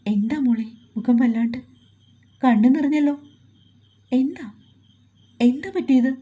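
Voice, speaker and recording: A woman's voice: high-pitched, measured pace, warm tone, slightly rough, muffled recording. A woman playing a fussing caring mother. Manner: worried, fussing. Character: caring middle-aged mother at home.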